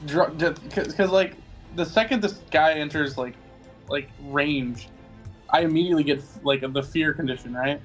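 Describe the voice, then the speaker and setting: Excitable man playing a tabletop game. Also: fairly high pitch, normal speed, soft background music. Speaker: player. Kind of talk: casual tabletop play.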